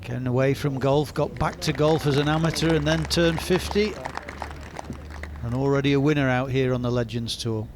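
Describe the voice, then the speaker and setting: A man's voice: medium pitch, normal speed, background noise. A man working as a golf commentator, giving live reactions to the shots as they are played.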